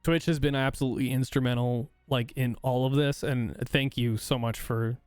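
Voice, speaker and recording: A man in his thirties hosting a casual chat, goofy and energetic, laughing often and swearing freely. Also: mid-range voice, normal speed, smooth, no room sound, faint music behind. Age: 30s. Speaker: streamer host.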